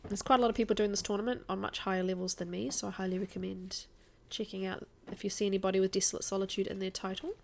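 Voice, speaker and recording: A woman's voice: medium pitch, level tone, rapid-fire, vocal fry, few pauses, a little mellow, a little hiss or hum. Chatty woman with a mild New Zealand accent. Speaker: live game streamer. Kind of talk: casual livestream chat over gameplay.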